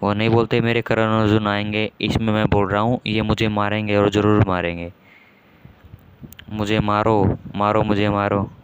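A man hosting a gaming channel, giving casual commentary on a match with excitable, self-mocking banter and lots of repeated exclamations. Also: on the low side, normal speed, a little hiss or hum. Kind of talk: casual live game commentary.

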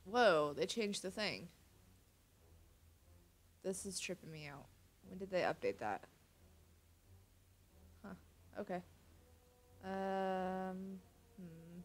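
She's an American woman with a low, expressive voice who takes her time, leaving long pauses. Sniffly and congested from a cold, the gaming channel host plays a card game at her home computer, offering relaxed let's-play commentary and muttering to herself.

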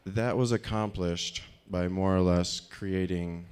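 With a very low, deep, resonant voice, a man in his thirties talks into a handheld microphone on a dark stage. Slow and steady, he rambles through his live talk, clear but leaning on fillers and restarts.

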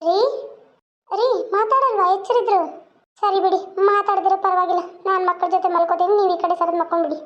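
High, pleading young wife. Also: female voice, fairly even intonation, fast, a bit bright, muffled recording. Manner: tearful, imploring.

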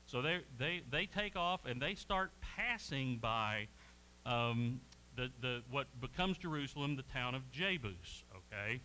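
A man teaching an adult Bible class in a lively, folksy way, his voice bright and ringing. His pitch sits a little high and rises and falls a lot, and he keeps checking in with his listeners. A faint hum runs underneath. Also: measured pace, poor audio. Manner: animated, folksy, frequent "okay?" check-ins. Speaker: Sunday school teacher. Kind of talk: conversational Bible lesson.

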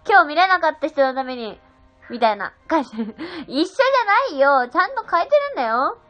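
A woman's voice: sits high, very animated, brisk, fairly bright tone. A young woman chatting casually on a livestream, giggling and answering viewer comments. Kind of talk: casual live-stream chat. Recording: dull lo-fi stream audio with faint music.

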